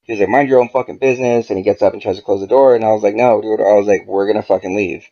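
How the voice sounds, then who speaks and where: Gravelly low-voiced man telling a story. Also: racing. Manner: profane, animated retelling with quoted dialogue. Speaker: podcast guest. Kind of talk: casual storytelling. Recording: dull lo-fi podcast audio.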